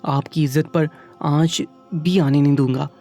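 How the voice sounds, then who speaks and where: A man's voice: fairly high pitch, steady tone, a little mellow, soft background music, close to an everyday voice. A man voicing a devoted young man, the brother of a dead husband, in a storybook reading, earnest and pleading. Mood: stern.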